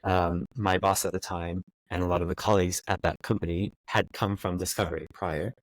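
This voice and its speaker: In a poor-quality recording without echo, a thirtysomething American man talks fairly quickly in a low voice with fairly even intonation. As an interview guest, he answers thoughtfully, often using fillers and restarting sentences.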